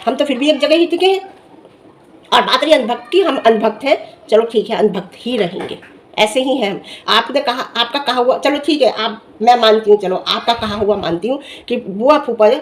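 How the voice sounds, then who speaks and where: High-voiced woman scolding in a vlog. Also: slight background noise. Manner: animated, scolding, rhetorical questions. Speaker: vlogger. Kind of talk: heated commentary vlog.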